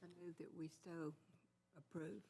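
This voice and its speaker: Male commissioner, brief and plain, high-ish gravelly voice. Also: steady tone, moderate pace, mellow. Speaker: commission member. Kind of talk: meeting discussion.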